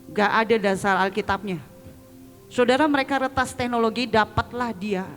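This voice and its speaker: A high-pitched woman evangelist delivers a lively sermon before a congregation. Her voice rings through a reverberant church hall while soft music plays faintly underneath. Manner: lively, addresses congregation as "saudara", asks for amens. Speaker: evangelist preacher.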